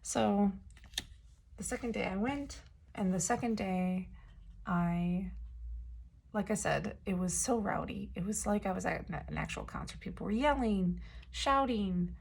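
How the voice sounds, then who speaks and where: A woman's voice: mid-range voice, unhurried, gravelly, darkish tone, slight background noise. A woman vlogger telling a story in a casual, rambling way, full of fillers and "like". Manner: chatty, rambling, many fillers and "like".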